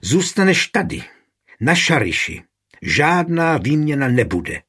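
A man with a husky voice playing a rough, hot-tempered castle lord in an audiobook, talking bluntly. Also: on the high side, big pitch swings, a bit bright, voice pushed up, exaggerated voice. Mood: angry. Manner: gruff, blunt.

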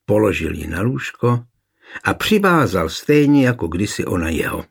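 Husky male audiobook narrator. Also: fairly low pitch, very animated. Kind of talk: scripted narration of a historical novel.

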